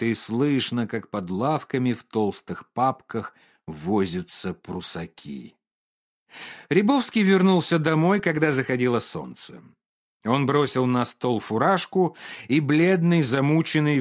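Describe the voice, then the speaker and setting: A man reading a classic story aloud as the narrator, in a theatrical style. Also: mid-range voice. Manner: theatrical, expressive. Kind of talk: expressive literary audiobook reading.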